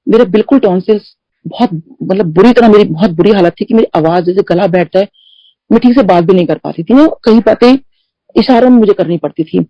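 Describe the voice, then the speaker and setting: A woman's voice: mid-range voice, fairly quick, warm tone, dry recording, poor audio. A middle-aged woman shares personal experiences in a chatty devotional talk, often slipping English phrases into her speech. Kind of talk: spoken testimony in a satsang.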